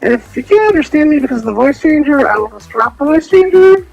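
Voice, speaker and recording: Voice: sits high, expressive, quick pace, gravelly, darkish tone, dry recording, dull audio, faint music behind. A VTuber streamer talking through a voice changer filter, chatting casually with viewers while gaming and often trailing off mid-sentence.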